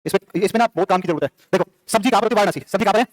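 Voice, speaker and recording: A male teacher, lecturing a classroom, quizzing students and answering his own questions in quick repetitive drills. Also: sits high, dry recording.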